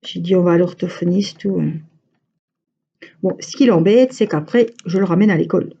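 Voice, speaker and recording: A woman with a Franche-Comté French accent chats to her viewers and rambles from one detail to the next. Her voice is very dark and mellow, with a husky grain. The recording sounds dull and lo-fi. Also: on the low side, moderate pace. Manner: chatty, rambling storytelling. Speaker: crochet vlogger. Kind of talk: casual chat to viewers.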